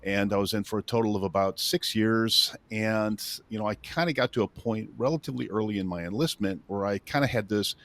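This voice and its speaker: Low-voiced man in his fifties, joking. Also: fairly quick, hardly any pauses, a bit bright. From northern Illinois, USA. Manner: self-deprecating, laughs at his own stories. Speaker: guest, real estate coach. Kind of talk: casual interview storytelling.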